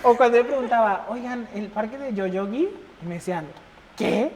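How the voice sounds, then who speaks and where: A young Mexican man with a Mexican accent, chatting casually as an interview guest and telling stories with lively acted-out dialogue. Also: very high-pitched, fairly quick. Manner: animated, acts out quoted dialogue, laughs often. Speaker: embassy chef, interview guest. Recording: reverberant room with faint noise.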